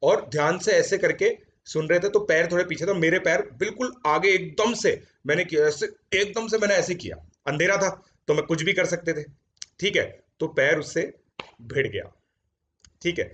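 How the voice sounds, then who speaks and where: A chatty man in his thirties, a JEE coaching educator, tells his students a story in a mix of Hindi and English, peppered with "theek hai." His voice is slightly high for a man and fairly bright, at a normal pace. The home-studio recording sounds dull and lo-fi.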